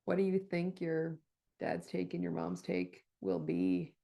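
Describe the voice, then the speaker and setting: A woman's voice: low-pitched, big pitch swings, measured pace, vocal fry, warm tone. A woman co-hosting a podcast, asking curious, probing questions with a playful edge. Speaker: podcast co-host. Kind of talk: casual conversational podcast.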